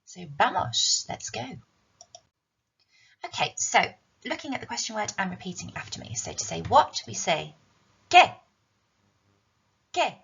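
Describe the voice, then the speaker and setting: A woman teaching key words in a recorded language tutorial, drilling them slowly with repeat-after-me lines. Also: mid-range voice, big pitch swings, vocal fry, a bit bright, husky. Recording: dull lo-fi recording.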